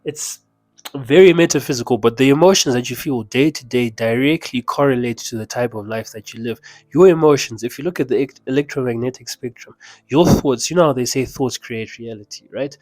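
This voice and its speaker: A young man with a Zimbabwean accent speaks in a darkish, mid-range voice, a little fast, with no echo. As a mindset coach, he delivers an emphatic, conversational motivational talk to camera, sprinkled with chatty asides.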